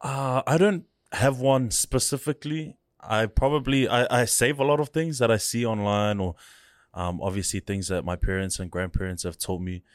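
A man, chatting casually as a podcast guest and actor, laid-back and quick to laugh. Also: mid-range voice, fairly even intonation, no echo, studio quality. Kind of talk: casual chat. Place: studio.

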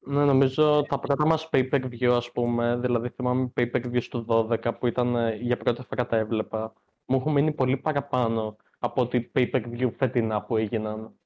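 A man's voice: medium pitch, flat delivery, a little mellow. A young man co-hosting a casual wrestling podcast, reminiscing in an easygoing way. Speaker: podcast co-host. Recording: dull lo-fi sound.

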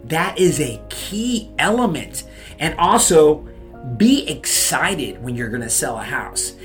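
A man's voice: fairly high pitch, very animated, slow pace, fairly bright tone, faint music behind. A man giving real estate advice in a motivational talk, fired up, pushing his listeners with repeated "okay?" and "you guys.".

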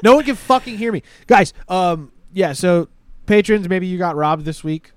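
A man's voice: high-pitched, moderate pace, clean tone, dry recording. A man hosting a podcast, bantering casually about a video in crude, slangy language close on the mic. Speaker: podcast host.

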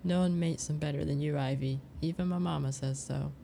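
Woman voicing a gentle young farmer man. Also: low-pitched, steady tone, brisk, gravelly, a little hiss or hum. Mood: cheerful.

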